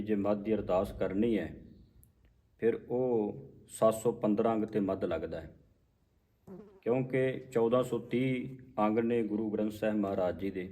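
A man teaching scripture pronunciation, who recites each verse line slowly and then explains how each word should be said, patiently repeating his corrections. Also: on the low side, mellow. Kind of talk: explanatory religious lesson.

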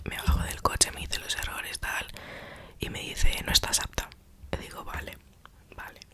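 In an extremely high, pushed and bright whisper, a woman with an accent from Spain shares a casual ASMR storytime. Her breathy, unvoiced delivery is colloquial, and she acts out the dialogue.

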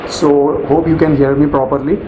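A man's voice: a little high, level tone, normal speed, echoey room, background noise. A young man with an Indian English accent, speaking from inside a motorcycle helmet as he explains a helmet in a casual review vlog. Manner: plain step-by-step explaining, repeats "basically". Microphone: camera mic, speaker moving near and away from it.

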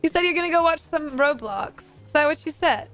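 A young woman from Manchester chatting through a headset while she plays, her voice pitched high and breaking into easy laughter. Game music plays faintly underneath. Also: lively intonation, fairly quick, fairly bright tone. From Manchester, England. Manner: laughs often, teasing. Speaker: streamer. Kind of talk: casual gaming chat. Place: gaming room indoors.

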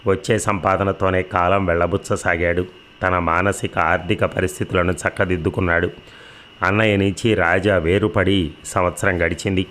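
A middle-aged man reading a dramatic novel as scripted narration, with a steady, measured delivery. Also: low voice, slight background noise.

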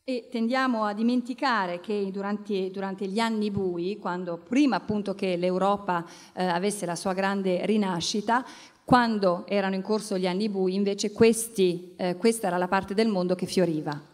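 A woman's voice: medium pitch, fairly even intonation, normal speed, darkish tone. A middle-aged woman with an Italian accent, working as a live interpreter and translating a speaker in consecutive turns. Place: festival stage, large hall. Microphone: microphone on a stand at a table. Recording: reverberant hall.

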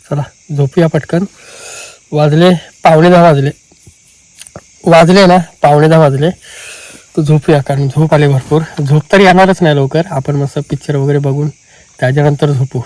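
A man with a Marathi Konkan accent, chatting casually to viewers during a night camping vlog in the forest, repeating phrases and often speaking low. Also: fairly even intonation, normal speed, long pauses, a little mellow, no echo. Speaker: camping vlogger. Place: outdoors at night in a forest by a river.

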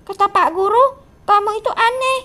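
A woman's voice: very high voice, normal speed, sharp tone. A woman voicing a timid, apologetic schoolgirl in a game role-play. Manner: apologetic, nervous.

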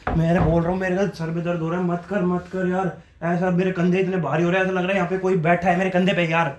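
A man pranking his wife at home, bickering in a gruff, stubborn way. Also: sits high, little pitch movement, fast, echoey room, faint music behind. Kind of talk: staged prank banter. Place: bedroom at home.

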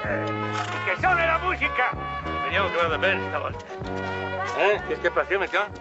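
A showy, exclaiming ringmaster. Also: male voice, high-pitched, sing-song, moderate pace. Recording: dull TV audio under loud music.

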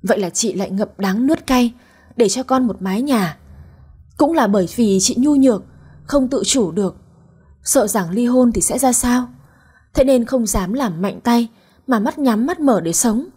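A woman narrating a radio story in a gentle, even tone, reading every character's lines herself. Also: fairly high pitch, measured pace, breathy edge.

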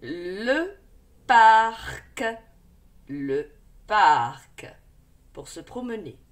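A woman's voice: mid-range voice, big pitch swings, slow. A woman teaching a first-grade reading lesson, sounding out each letter and syllable carefully and encouraging the child. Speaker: primary school teacher. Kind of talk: slow, deliberate reading lesson for young children.

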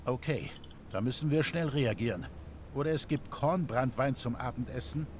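An actor playing a calm male rescue-boat coxswain, speaking in curt radio procedure over a marine radio call in a game. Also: medium pitch, moderate pace, slight background noise. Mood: focused. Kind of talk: video game voice acting.

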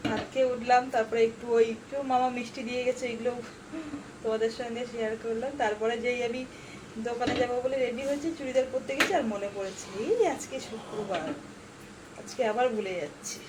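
A woman's voice: on the high side, fairly even intonation, fast talker, background noise. A woman chatting casually to her viewers while doing chores at home. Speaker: vlogger. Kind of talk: casual daily vlog talk to viewers. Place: home, indoors.

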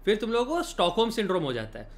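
Rapid-fire joking man. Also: sits high, big pitch swings. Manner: rapid joking rants mixing Hindi and English. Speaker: host. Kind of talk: casual comedic stream chat.

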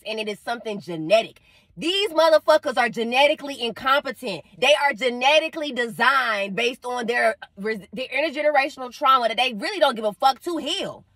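A woman's voice: a little high, fairly bright tone, dry recording. Fired-up woman ranting, dry close sound. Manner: emphatic, profane, fired-up. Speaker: vlogger. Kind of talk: unscripted monologue rant.

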